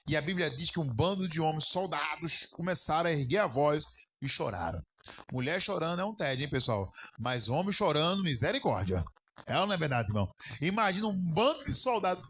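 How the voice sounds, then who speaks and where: High-voiced pastor questioning his congregation. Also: fairly bright tone, slight background noise. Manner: keeps asking the congregation questions and calling them brother. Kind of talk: sermon on a Bible lesson.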